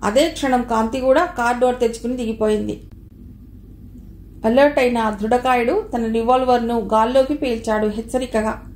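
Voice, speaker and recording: A woman reads a novel aloud in a steady storytelling manner, voicing the dialogue lightly. Her voice sits a little high. The room around her gives it a noticeable echo. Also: normal speed, a little hiss or hum. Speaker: audiobook narrator. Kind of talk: scripted narration of a novel.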